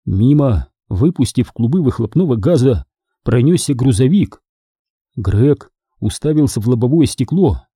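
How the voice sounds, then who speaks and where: A man narrating an audiobook with expressive storytelling. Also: mid-range voice, unhurried, slightly rough, no room sound, clean studio sound.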